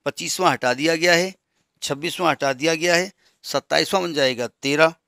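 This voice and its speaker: A man teaches maths in a bright, fairly high voice. He counts steadily through question numbers and keeps checking that his students follow. The sound is close and dry, with no room echo. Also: fairly quick, gravelly. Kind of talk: classroom lesson explaining textbook changes.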